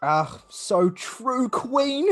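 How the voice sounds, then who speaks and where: A man from New Zealand, co-hosting a let's play podcast, casually reads game text aloud and jokes with friends, relaxed and laughing between lines. His voice is extremely high and he speaks extremely slowly. Soft music plays in the background.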